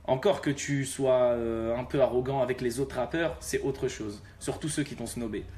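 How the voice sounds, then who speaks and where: A man's voice: medium pitch, fairly even intonation, moderate pace, darkish tone, slight background noise. A young man from Algeria, a rapper, talking casually to his fans with laid-back street slang.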